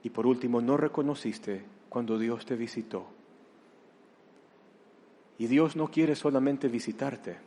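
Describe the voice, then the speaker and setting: A man preaching a sermon as pastor, dropping to a hush and then rising to loud outbursts. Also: mid-range voice, measured pace, pauses often. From Ecuador. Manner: dramatic, swings from hushed to loud. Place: church hall. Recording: long hall reverb.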